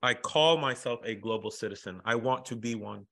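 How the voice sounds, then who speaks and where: This medium-pitched man speaks at normal speed with some vocal fry. He's an American podcast guest who comes across as energetic and emphatic, calling people brother.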